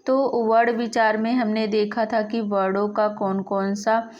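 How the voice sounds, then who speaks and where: Woman teacher, slow lesson, spells out sounds one by one, slightly muffled lo-fi audio. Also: medium pitch, little pitch movement, a little mellow. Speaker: Sanskrit teacher. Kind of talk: classroom lesson.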